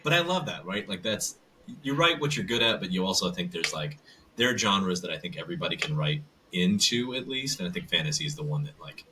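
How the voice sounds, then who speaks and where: Fast-talking deep-voiced man, rambling jokily. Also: big pitch swings, sharp tone. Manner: rambling, jokey and self-deprecating, with many fillers. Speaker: podcast guest, voice actor and audiobook narrator. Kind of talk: casual podcast conversation. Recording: distant mic with faint background noise.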